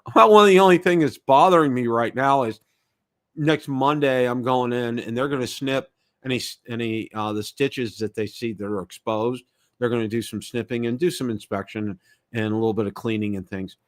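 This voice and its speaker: A man's voice: medium pitch, brisk. A middle-aged man hosting a casual live stream, talking in a rambling, chatty way with many fillers and restarts, with temporary teeth after oral surgery. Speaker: host of a live drone show.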